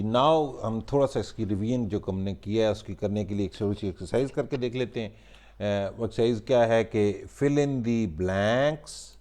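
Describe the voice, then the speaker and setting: Man, grammar teacher, unhurried, warm low tone, reads word lists aloud. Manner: explains in Hindi-Urdu and reads English word lists slowly; often checks in with a rising "okay?". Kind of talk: recorded grammar lesson.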